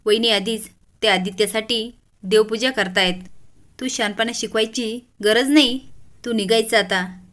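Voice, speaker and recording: A woman's voice: a little high, fairly even intonation, normal speed, fairly bright tone, close to an everyday voice. Lady voicing a snippy mean aunt type, scolding and sneering. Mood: scornful. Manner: scolding, mocking. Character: scheming scornful woman relative.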